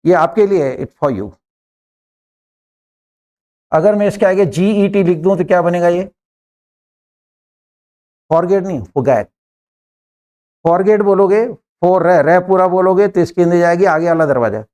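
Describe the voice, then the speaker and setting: A middle-aged man from India teaching an English class in a classroom. He mixes Hindi and English, speaks English with an Indian accent, and slows down for the English phrases. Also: sits high, darkish tone. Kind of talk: classroom lecture.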